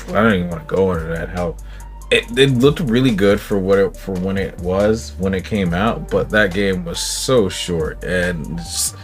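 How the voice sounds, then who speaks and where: A very deep-voiced man talks through his reaction to a trailer in casual commentary. He rambles, restarts and hunts for words, and soft music sits faintly behind him. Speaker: reaction channel host.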